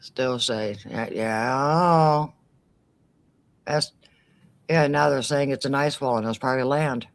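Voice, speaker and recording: A woman co-hosting a casual live stream, reading out chat messages and tossing in quick exclamations and jokes. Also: very deep voice. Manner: chatty, quick to exclaim, jokey asides.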